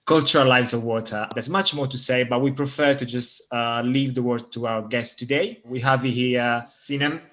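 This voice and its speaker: A man's voice: mid-range voice, steady tone, moderate pace, hardly any pauses, a bit bright. A man hosting, introducing a guest with some hesitant fillers. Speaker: host.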